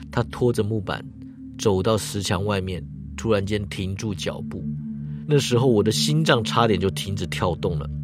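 A man telling a bedtime ghost story in a hushed, suspenseful way. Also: lowish voice. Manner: hushed and suspenseful, trailing particles. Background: music.

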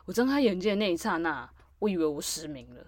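A woman's voice: lowish voice, very animated, quick pace, no echo. Podcast co-host, woman, dry close sound, loose rambling storyteller. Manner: rambling storytelling with many fillers. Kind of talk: casual chat.

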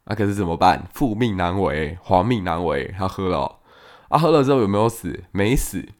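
A man with a Taiwanese Mandarin accent telling history stories as a podcast host, animated and quick to act out the people in his story. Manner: animated, acts out quoted historical figures with sudden pitch jumps. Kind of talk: lively storytelling commentary.

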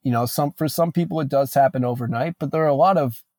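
An earnest man in his late twenties talks as a guest in a casual interview, reflective and full of "you know" fillers. His voice sits at a middle pitch, and the recording is dry and close. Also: fast, darkish tone, no room sound. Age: late 20s. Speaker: guest musician.

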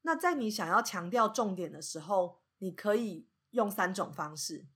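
A woman's voice: mid-range voice, expressive, moderate pace, fairly bright tone, slightly rough. A woman who gives a podcast lesson on English pronunciation, explaining each point patiently and methodically.

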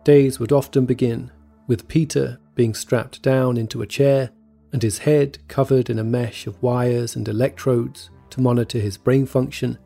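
A man tells a scripted true story in a steady, measured way. His voice is dark and warm, with a gravelly edge. Faint music plays beneath his narration. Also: mid-range voice. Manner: measured, even storytelling delivery. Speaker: podcast narrator. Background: faint background music.

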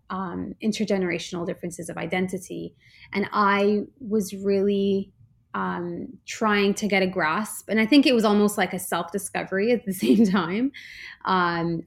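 A woman's voice: lowish voice, vocal fry. A woman who grew up in Canada, a social enterprise co-founder, giving earnest, reflective interview answers and searching for her words.

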